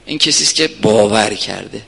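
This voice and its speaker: A man giving an earnest religious lecture to a gathering, telling stories and swinging from soft asides to emphatic points. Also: lowish voice, expressive, gravelly, husky. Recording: reverberant hall.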